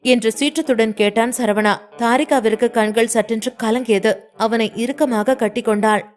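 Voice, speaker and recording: A woman narrating a scripted romance story with a slightly high voice. She reads with dramatic, emotive colour. Her telling is steady and measured.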